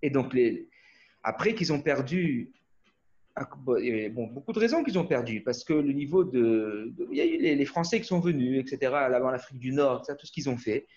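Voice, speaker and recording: His pitch sits in the middle and his delivery is sing-song, slightly fast, with a darkish tone. The man, born in Australia, is a Torah teacher giving a loose class on a muffled video call, restarting often, drifting off track, and asking "hmm?" of those listening.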